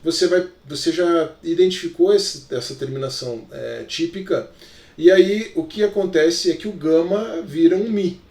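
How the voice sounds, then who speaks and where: This Greek teacher's voice sits on the high side, with a darkish tone and a normal pace. He speaks with a Brazilian Portuguese accent, explaining his recorded lesson and checking in often with small fillers, all picked up from far away in a reverberant room.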